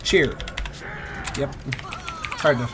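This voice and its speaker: A man's voice: slow, noisy background. A man chatting casually and informally, with some swearing, while playing an online game with friends. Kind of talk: casual chat while gaming.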